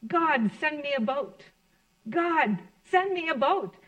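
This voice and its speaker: A woman's voice: high voice, lively intonation, slow pace, fairly bright tone, voice pushed up, heavily acted, low-quality recording. A woman doing a desperate pleading man. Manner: pleading, rising to a cry.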